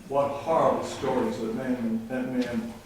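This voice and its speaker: A man's voice: mid-range voice, level tone, measured pace, a little mellow. Earnest older man in echoey chamber. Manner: earnest, patriotic, tells jokes. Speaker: public commenter at city council. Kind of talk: public comment speech. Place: council chamber. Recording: very echoey room, distant mic, faint noise.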